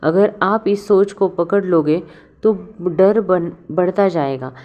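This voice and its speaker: A woman giving a calm spiritual self-help talk, unhurried and often restarting her words as she advises. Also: fairly low pitch, muffled recording. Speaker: motivational speaker.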